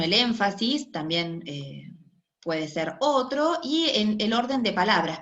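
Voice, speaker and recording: A woman's voice: medium pitch, a bit bright. A woman lecturer explains linguistics in a recorded online class, often checking in with her listeners. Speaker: university lecturer. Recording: echoey room, dull lo-fi sound.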